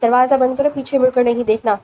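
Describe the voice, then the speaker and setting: A woman voicing a cold, ruthless male crime boss who speaks slowly and with menace. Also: high-pitched, steady tone, muffled recording, lightly acted. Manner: slow, icy and menacing.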